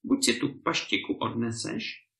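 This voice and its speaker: A man's voice: mid-range voice, gravelly, fairly bright tone, pitched below the performer's own voice. A man voicing a greedy, stern landowner who makes threats and bursts into anger, in a storybook reading in an echoey room. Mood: stern threatening.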